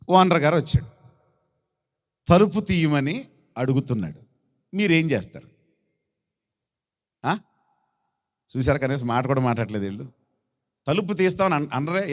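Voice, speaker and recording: A man preaching as a bishop at a church service, reading scripture in a slow raised chant and questioning his congregation, with a Telugu accent from Andhra Pradesh. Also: fairly high pitch. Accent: Telugu-speaking, Andhra Pradesh. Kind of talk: sermon. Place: church hall. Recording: long hall reverb.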